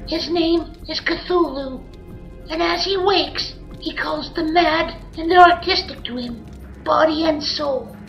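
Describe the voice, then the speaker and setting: An actor voicing a small, earnest, naive monkey adventurer with a squeaky voice, in old-time radio drama style. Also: gravelly, lo-fi sound, heavily acted.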